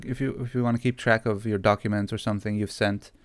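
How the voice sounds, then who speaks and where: A man's voice: fairly low pitch, little pitch movement, fast, no room sound. A man co-hosting a podcast, chatting casually and slipping into joking, mock-dramatic rants. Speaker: podcast co-host. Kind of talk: casual chat.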